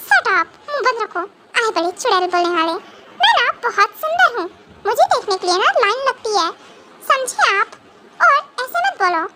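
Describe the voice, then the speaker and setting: A woman's voice: very high-pitched, big pitch swings, normal speed, very noisy. A woman voicing a clingy young girlfriend in a fan audio drama, pouty and touchy. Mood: indignant.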